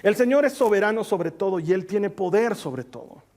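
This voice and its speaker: A male pastor with a notably high voice preaches a sermon. He tells stories with animation, rising loud and dropping soft, and calls on his listeners to read scripture with him. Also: moderate pace, a little hiss or hum. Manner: animated storytelling, swings between loud and soft; asks the congregation to read scripture aloud with him.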